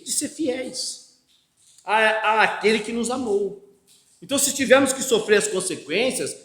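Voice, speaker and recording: A man's voice: high-pitched, echoey room. A Brazilian man with a Brazilian Portuguese accent preaching an expository sermon, often asking "amém?" of his listeners. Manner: emphatic preaching with frequent call-and-response "amém?". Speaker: pastor. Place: church hall.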